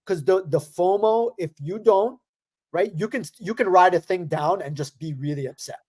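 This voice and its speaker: A man's voice: high-pitched, moderate pace, a little mellow. A young man co-hosting a casual chat, laid-back and teasing, laughing often. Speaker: podcast co-host.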